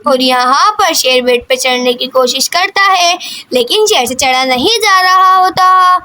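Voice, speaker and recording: High-voiced woman narrating a kids' doll story. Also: unhurried. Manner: simple, lively storytelling.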